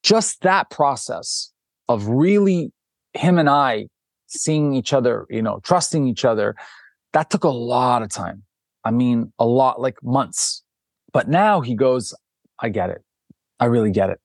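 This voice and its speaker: A man's voice: mid-range voice, slow, no echo. Man telling a story in a dry, close room. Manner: animated anecdotes with many restarts and acted quotes. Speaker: documentary director, guest. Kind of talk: conversational storytelling interview.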